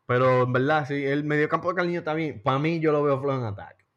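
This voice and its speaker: A man's voice: on the high side, quick pace, fairly bright tone, dull audio. A man with a Dominican accent hosting a casual sports chat, slangy and repeating phrases for emphasis. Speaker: podcast host.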